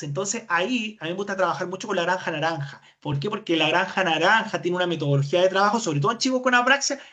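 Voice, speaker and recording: A woman's voice: mid-range voice, fairly bright tone. A woman with a Chilean accent giving a webinar lecture as a speech therapist, explaining step by step and answering her own questions. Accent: Chilean Spanish.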